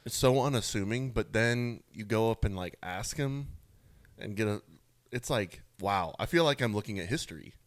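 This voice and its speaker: A man's voice: lowish voice, moderate pace, no room sound. A young man co-hosting a podcast, telling a story in a laid-back, casual way and swearing now and then. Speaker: podcast co-host. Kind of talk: casual chat.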